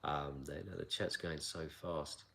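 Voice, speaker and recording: A south London man of around sixty, whose English accent has softened over long years in Asia, answers viewer questions in a live chat as a kung fu teacher. His voice is extremely low with vocal fry, and he speaks calmly and unhurriedly with frequent pauses from an outdoor mountain training area.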